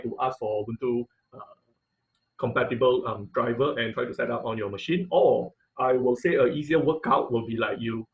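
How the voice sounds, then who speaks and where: A man with a medium-pitched voice teaches an online class in an informal lecture style over a video call, picked up by a computer mic. His phrasing is halting and hesitant, with repeated words.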